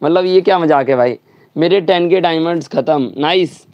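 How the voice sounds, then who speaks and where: A man's voice: a little high, moderate pace, dry recording, dull audio. Angry swearing young male game streamer. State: slightly sore throat. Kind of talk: live gaming stream chat.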